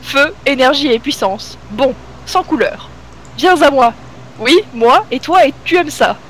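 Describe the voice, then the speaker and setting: A woman from Reunion Island streaming late at night, chatting casually, reading lines aloud and slipping into halting English. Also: high voice, animated, fairly bright tone, a little hiss or hum, poor audio. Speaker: Twitch streamer.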